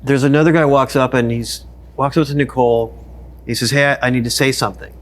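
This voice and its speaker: A man's voice: mid-range voice, fast. A man who produces an online car show, chatting casually on a podcast and acting out dialogue in his anecdotes. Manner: relaxed, acts out quoted dialogue in anecdotes.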